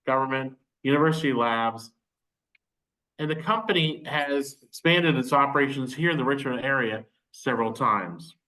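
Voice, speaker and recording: A male webinar host on a video call, reading a scripted speaker introduction in a measured way with small slips. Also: medium pitch, fairly bright tone, low-quality recording.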